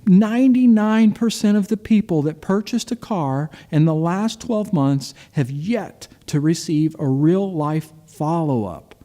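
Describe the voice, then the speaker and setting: A man's voice: on the high side, animated, unhurried, hardly any pauses, mellow. A man voicing a frustrated male internet director at a car dealership who complains in an exasperated, repetitive way. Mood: complaining.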